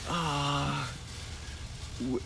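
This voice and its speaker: A man's voice: a little high, fairly even intonation, extremely slow, gravelly, bright, forceful tone, slight background noise. A young man chatting as a guest on a casual podcast, loose and laid-back, filling his talk with "like". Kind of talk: casual chat.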